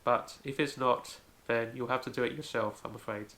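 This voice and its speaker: A man with a gravelly, creaky voice at a middle pitch teaches a home-made language lesson. He explains carefully, one step at a time, and often opens with "so". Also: fairly even intonation, moderate pace, pushed and bright. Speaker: language video host.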